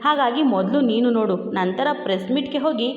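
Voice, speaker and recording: A woman's voice: a little high, a little fast, close to an everyday voice. A woman voicing a defiant young wife who scolds and mocks her husband with sarcasm, in a story reading. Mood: sarcastic. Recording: dull echoey room with long reverb.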